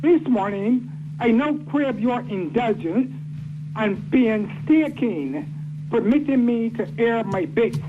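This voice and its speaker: A man calling in to a radio show, speaking in a formal, flowery, deliberate way. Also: very high voice, animated. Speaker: caller. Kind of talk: phoned-in radio comment. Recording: dull lo-fi phone line with noise.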